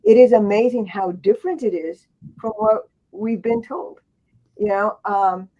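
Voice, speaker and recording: A woman's mid-range, dark-toned voice moves at a measured pace as she tells stories on a book panel. This author, who grew up in Thailand and Japan, rambles casually with many restarts and asides. It's captured with a dull lo-fi sound.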